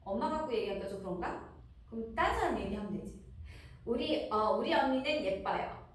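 A woman's voice: on the high side, expressive, a little fast. Sing-song woman teacher in a roomy space. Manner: patient, sing-song questioning, acts out children's replies. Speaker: English teacher. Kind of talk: recorded grammar lesson for children. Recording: roomy, distant, faint noise.

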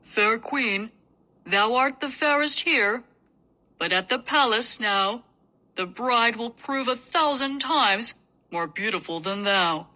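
A woman's voice: fairly high pitch, lively intonation, slow pace, bright, forceful tone, exaggerated voice, low-quality recording. A woman voicing a solemn, truthful magic mirror in a storybook reading, speaking formally. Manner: formal, old-fashioned speech.

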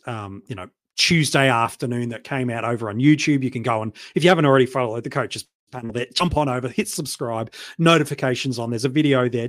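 A man in a casual panel chat, talking easily with ums and plugging the channel. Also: mid-range voice. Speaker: fantasy football panelist.

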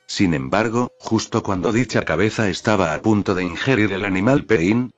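A man narrating a fan fiction story in a steady, even read. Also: on the low side. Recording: dull lo-fi audio with faint music.

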